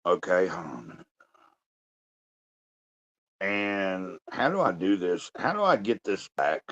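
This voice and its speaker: A man's voice: big pitch swings, unhurried, fairly bright tone. Rambling man on a lo-fi stream. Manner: rambling, talks to his dog in a high coaxing voice. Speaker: livestream host. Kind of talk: casual livestream chat. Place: indoors, lying in bed at home. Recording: dull lo-fi livestream audio.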